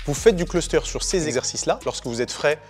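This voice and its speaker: A man who coaches fitness, talking fast and confidently as he gives quick, blunt opinions in a relaxed way. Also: on the high side, over music. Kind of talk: quick-fire opinion answers.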